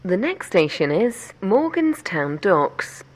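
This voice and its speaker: A woman voicing a slow automated train announcement. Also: medium pitch, sing-song, a little mellow. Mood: formal. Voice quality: measured, formal announcer delivery. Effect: train announcement system voice.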